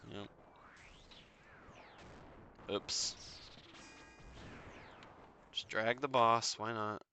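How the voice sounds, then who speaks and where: A man with a bright, forceful voice and a slightly low pitch, talking casually over voice chat. He coaches another player through a raid in a relaxed, joking way, and a faint hiss sits under the sound. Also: drawn-out words. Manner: laid-back, swears and laughs a lot, coaching. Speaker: raid carry host. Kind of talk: casual voice chat while gaming.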